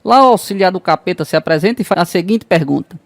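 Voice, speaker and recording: Um homem com sotaque nordestino brasileiro conta piadas num tom popular e arrastado nos desfechos. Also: male voice, sits high, lively intonation, quick pace, gravelly, no echo. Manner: folksy joke-telling, drawling punchlines. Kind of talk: scripted joke narration.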